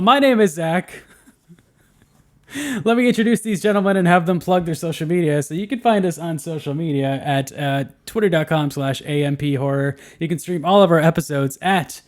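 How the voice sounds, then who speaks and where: Guy hosting a horror podcast, kinda high voice, laughs a lot. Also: darkish tone. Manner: laughs often, friendly. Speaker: podcast host. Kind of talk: casual chat.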